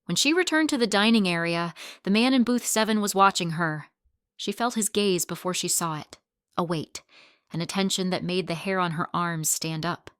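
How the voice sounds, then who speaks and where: A woman narrating a scripted story in a measured, even storytelling manner. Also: fairly low pitch, clear, resonant tone, no room sound, studio quality.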